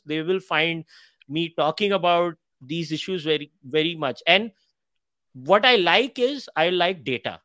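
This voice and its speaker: A man's voice: on the high side, sharp tone, no room sound. A man hosting a podcast, talking conversationally and emphatically, candidly slipping between English and Hindi. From India. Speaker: podcast host. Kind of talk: conversational interview talk.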